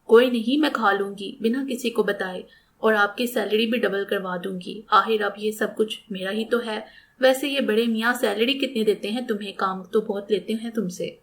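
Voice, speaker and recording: A woman's voice: medium pitch, steady tone, natural voice. A woman voicing a sassy, talkative twenty-year-old woman doctor in an audiobook, cheeky and defiant.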